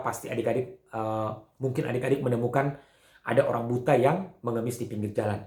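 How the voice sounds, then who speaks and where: A man teaching Sunday school, telling a Bible story to children in an animated way, with frequent fillers, acting out the characters' lines. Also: medium pitch. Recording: echoey room.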